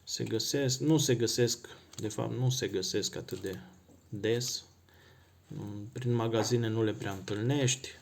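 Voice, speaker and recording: A man vlogging as a watch collector, talking casually and thinking aloud, often pausing and correcting himself mid-phrase. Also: on the low side, creaky. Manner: relaxed, thinking aloud with pauses and self-corrections. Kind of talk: casual unboxing talk.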